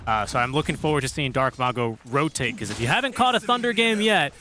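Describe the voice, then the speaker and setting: Bright-voiced male esports caster. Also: mid-range voice, lively intonation, fast talker, slight background noise. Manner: chatty, teasing. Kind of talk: live game commentary.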